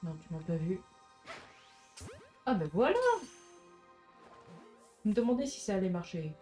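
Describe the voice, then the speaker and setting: A woman's voice: fairly low pitch, expressive, measured pace, mellow. French woman, let's play commentator, chatty, talks to her game characters, faint music behind. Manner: chatty, talks to the creatures on screen. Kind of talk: casual gameplay commentary.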